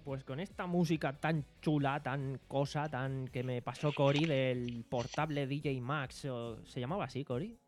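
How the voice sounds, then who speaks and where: A man's voice: mid-range voice, a little slow, hardly any pauses, faint music behind. A young man with a Spanish accent hosting a casual podcast from a living-room studio, rambling and joking at his own expense. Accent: Spanish from Spain. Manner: rambling, joking, self-mocking. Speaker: podcast host and sound technician. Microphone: desk microphone on stand.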